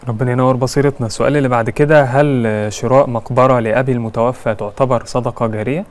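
A man's voice: medium pitch, fairly even intonation, very fast. A man with an Egyptian accent hosting a TV talk show, reading viewers' questions and adding short attentive replies. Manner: attentive, with constant short backchannels. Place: TV studio.

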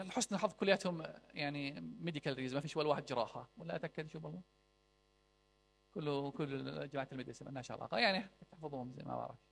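A man's voice: high voice, vocal fry, a bit bright. A young man teaching a clinical medicine class, quizzing students with rhetorical questions and mixing in English medical terms. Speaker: medical lecturer.

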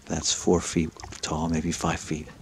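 Man, very low gravelly voice, excited whispering asides, outdoor camera audio, water and paddle noise. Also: slow pace. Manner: excited, often drops to a whisper. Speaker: vlogger hunting for a lake monster. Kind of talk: casual first-person narration while paddling. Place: outdoors on a lake by rocky shore, in a kayak. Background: water and paddling sounds.

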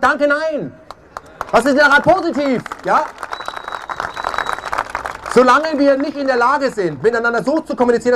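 High-voiced man giving a rally speech. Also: a bit bright. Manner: emphatic, keeps tagging questions with "ja?". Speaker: speaker at a peace rally. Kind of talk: impassioned protest speech. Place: outdoor street demonstration. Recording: faint crowd noise outdoors.

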